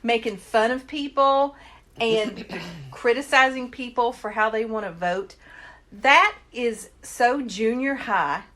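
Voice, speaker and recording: A woman's voice: on the high side, slow, fairly bright tone. A woman co-hosting a podcast, ranting in casual chat with lots of swearing and mocking impressions. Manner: profane, heated, mocking voices. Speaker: podcast co-host.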